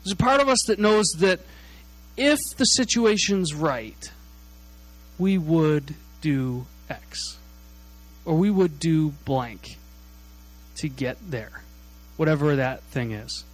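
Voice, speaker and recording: A man preaching in a chatty, animated storytelling way, full of "like" and asides. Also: on the high side, slow pace, pauses often, rough recording. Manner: animated, chatty, frequent "like" fillers. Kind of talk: storytelling sermon.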